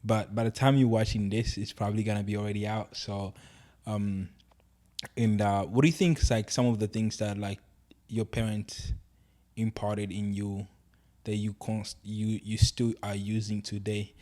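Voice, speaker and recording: A man's voice: fairly low pitch, flat delivery, moderate pace, mellow. A young man hosting a podcast, asking loose questions with many fillers in casual conversation. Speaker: podcast host.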